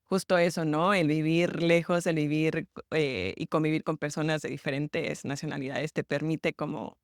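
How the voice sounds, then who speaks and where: Smooth-voiced reflective Mexican woman. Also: low voice, fairly even intonation, moderate pace, dry recording, clean studio sound. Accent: Mexico City Mexican. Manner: thoughtful, reflective, hesitant with fillers and laughs. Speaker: podcast guest, journalist. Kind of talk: casual podcast conversation.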